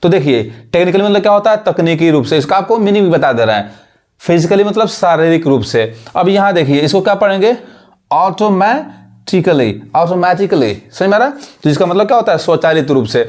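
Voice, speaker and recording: A man's voice: high voice, expressive, quick pace, a little mellow. A man teaching English pronunciation, repeating words and asking his students rhetorical questions. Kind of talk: explanatory teaching.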